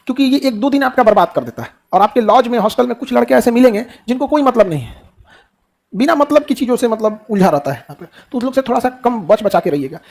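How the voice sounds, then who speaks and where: With a very high-pitched voice and vocal fry, a middle-aged Bihari-accented Hindi speaker motivates students by posing rhetorical questions he then answers, cracking colloquial jokes.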